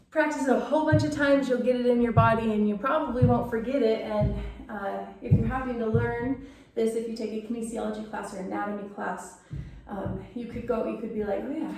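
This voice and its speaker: A woman leads a dance lesson, calling out movement terms and counting as she goes. Her voice is mellow and fairly high. She sounds far from the mic, in a room with strong echo. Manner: counts and calls out movement terms while demonstrating. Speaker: dance teacher.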